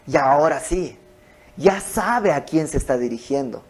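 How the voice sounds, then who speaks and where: A man's voice: on the high side, expressive, a little slow, breathy edge. A man teaching an informal Bible study in a home, explaining verse by verse with conversational asides. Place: a private home.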